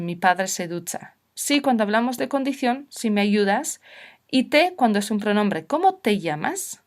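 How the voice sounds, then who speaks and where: A woman teaching a recorded grammar lesson, explaining patiently and giving example sentences. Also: on the high side. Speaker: Spanish teacher.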